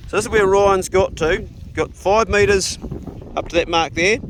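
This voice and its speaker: Man, broad Kiwi accent, slightly high voice, matey slangy vlog chat, noisy outdoor recording. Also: measured pace. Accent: broad New Zealand. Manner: laid-back, matey, slangy talk. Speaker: vlogger. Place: outdoors on a farm and small boat. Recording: loud outdoor wind and boat noise.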